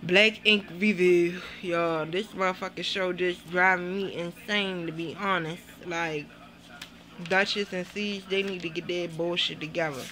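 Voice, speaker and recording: A woman reviewing a TV show in a casual vlog, blunt and animated, cursing freely as she talks. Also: on the low side, a little slow, slight background noise. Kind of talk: casual profane vlog commentary.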